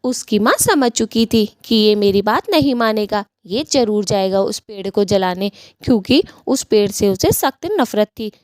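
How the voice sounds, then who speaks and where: A woman's voice: mid-range voice, normal speed, hardly any pauses, darkish tone, dry recording, studio quality. Woman narrating a cartoon story.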